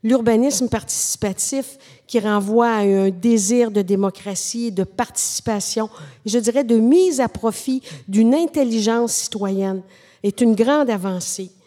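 A middle-aged woman with a Québécois French accent, explaining urban planning in a measured, professorial way as a podcast guest. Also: on the high side, dark tone, big-room sound. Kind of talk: podcast conversation.

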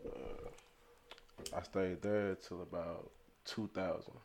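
Man, lowish voice, podcast guest, casual street slang, emphatic check-ins, noisy ambience. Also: fairly even intonation, slow, a little mellow. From Baltimore, later Texas. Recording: clear background noise and ambience.

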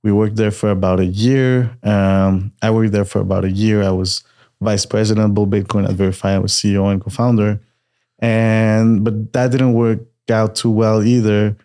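Low-voiced male guest telling his story. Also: normal speed. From Peru, raised in Montreal. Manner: steady storytelling with frequent hesitations. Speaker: podcast guest, entrepreneur. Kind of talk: casual chat. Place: car.

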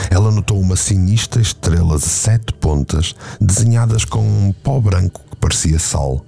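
A man reading a dark novel aloud as a narrative podcast, his voice very low and mellow. he keeps a measured, dramatic pace, and faint music runs underneath. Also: vocal fry.

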